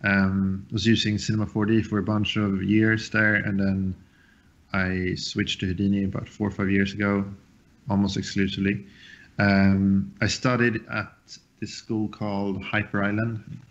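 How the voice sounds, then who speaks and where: Brief: man in his 30s from Sweden, low voice, relaxed guest chat on a muffled lo-fi stream. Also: moderate pace. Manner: relaxed, loose with fillers and restarts. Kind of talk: casual podcast chat.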